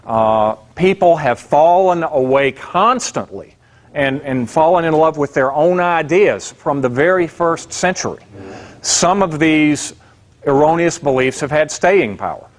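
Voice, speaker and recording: A man with a fairly high, expressive voice takes his time as he gives a casual lecture to an adult religion class in a church classroom. He is plainspoken and conversational, with many fillers and asides.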